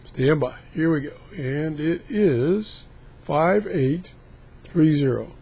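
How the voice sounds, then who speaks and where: Slow, husky man thinking aloud. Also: fairly high pitch, lively intonation, dark tone. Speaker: radio hobbyist host. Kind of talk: casual live demonstration of scanning shortwave.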